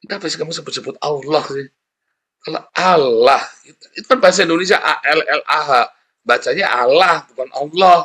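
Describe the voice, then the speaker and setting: A man preaching a sermon as a pastor, animated and conversational, often calling out to his listeners. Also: on the high side, quick pace, husky.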